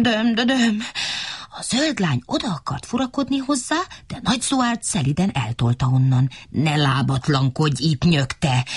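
Lively, husky woman reading a children's story. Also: fairly low pitch, no room sound, studio quality. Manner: animated, playful sound effects and voices.

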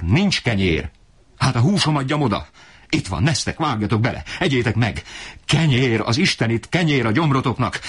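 A man voicing an enraged, desperate poor father who shouts in fury. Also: on the low side, husky, voice pushed up, heavily acted. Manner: shouting, raging.

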